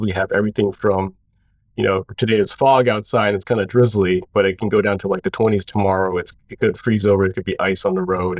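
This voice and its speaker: A man in his thirties from Hawaii, a brand founder, who tells his story casually in a relaxed, rambling way and fills it with "you know". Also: lowish voice, dry recording, muffled recording. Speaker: founder of a clothing brand, guest.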